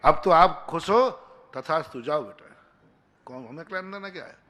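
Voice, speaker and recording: Fairly high-voiced monk preaching. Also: male voice, fairly bright tone. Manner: pleading, repetitive exhortation with dialogue-like anecdotes. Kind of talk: sermon.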